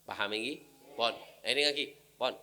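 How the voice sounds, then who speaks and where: A man with a Madurese accent giving a humorous sermon, animated, with sudden loud outbursts. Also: medium pitch, a little fast, noisy background. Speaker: preacher.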